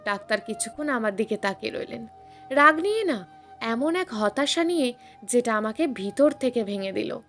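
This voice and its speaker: A woman's voice: on the high side, animated, normal speed. A woman storyteller reading a scripted first-person family drama in an earnest, emotional way. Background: soft background music.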